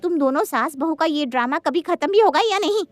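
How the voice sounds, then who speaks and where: A woman voicing a blunt, impatient young woman in a cartoon story, speaking in a sharp, scolding way. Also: high voice, normal speed, faint music behind, lightly acted. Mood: annoyed. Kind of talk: Hindi cartoon story voice acting.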